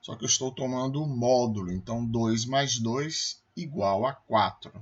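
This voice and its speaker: A man's voice: mid-range voice, normal speed, breathy edge, muffled recording. A man with a Brazilian Portuguese accent, a math professor giving a recorded calculus lecture, explaining step by step and checking with his students as he goes.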